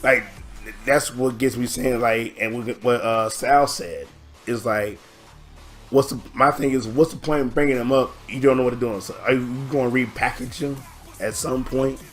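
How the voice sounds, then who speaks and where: On his own channel, a man with a worn, hoarse voice rambles through a casual reaction video, often stalling on fillers and restarting sentences. He speaks at normal speed and mid pitch with fairly even intonation, as faint music plays beneath.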